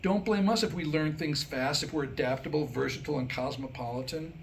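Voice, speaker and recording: Reading his comic script to a small indoor audience that reacts, a man with a slightly higher, creaky voice goes a little fast. He tells history wryly and jokingly, posing rhetorical questions, with light noise in the recording.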